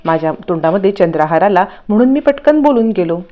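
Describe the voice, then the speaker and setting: A woman's voice: medium pitch, lively intonation, fast, narrow, tinny audio, lightly acted. A woman voicing a mild, placating old grandfather in a TV serial recap. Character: older man, mild family grandfather.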